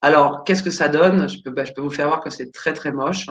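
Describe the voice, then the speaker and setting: Answering questions live on a video call, a woman career coach speaks briskly in a low voice, yet she hesitates and fills gaps with fillers while she hunts through her files.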